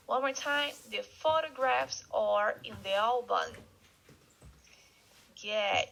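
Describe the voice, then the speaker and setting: High-voiced woman teaching English slowly. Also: creaky, pushed and bright. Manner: slow, repeats words for learners to echo. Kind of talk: online English vocabulary lesson. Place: Canada. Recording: dull lo-fi recording.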